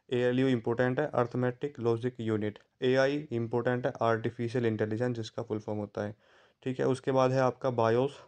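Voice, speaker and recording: Man teaching exam tips, clear voice. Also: mid-range voice, darkish tone. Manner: repetitive, stresses key terms and checks in with "theek hai". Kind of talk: online exam-prep lesson.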